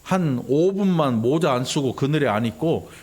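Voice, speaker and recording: A man's voice: lively intonation, normal speed. A middle-aged man preaching a sermon in a church, speaking in a conversational way, often checking in with the congregation and acting out quoted lines. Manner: acts out quoted lines with sharp jumps in pitch. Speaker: pastor. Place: church sanctuary.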